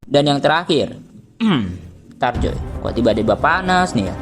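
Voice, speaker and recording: A young Indonesian-accented man gives casual, slangy comedic commentary on a video, joking and swearing freely. His medium-pitched voice swings widely and moves a little slowly. Music plays behind him.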